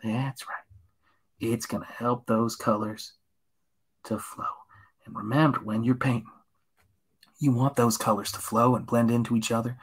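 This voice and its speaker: A man from Tennessee giving a gentle, encouraging painting lesson on a live stream, often dropping to a hushed whisper. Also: medium pitch, flat delivery, unhurried, long pauses, breathy edge. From Tennessee, USA. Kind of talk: soothing painting-show patter, live stream.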